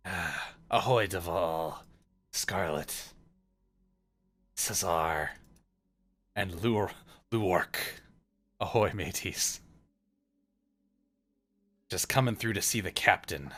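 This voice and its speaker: A man's voice: sits low, extremely slow, pauses often, fairly bright tone, heavily acted. A man voicing a swaggering, sly male pirate with a drawling, hesitant pirate speech.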